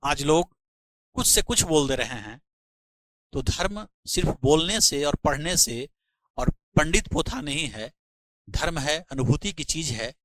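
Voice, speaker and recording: Middle-aged male teacher, earnest and preachy, bright forceful tone, dry close sound. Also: on the high side, expressive, no echo, rough recording. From India. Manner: earnest, preachy, slows to stress points. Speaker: physics teacher. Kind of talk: motivational talk to students.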